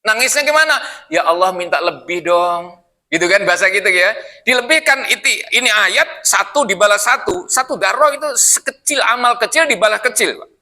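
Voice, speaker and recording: A man preaching at a mosque Quran study, talking folksy and animated, often addressing the listeners as "Pak" and reciting Arabic verses. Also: very high-pitched, a little fast. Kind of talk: sermon.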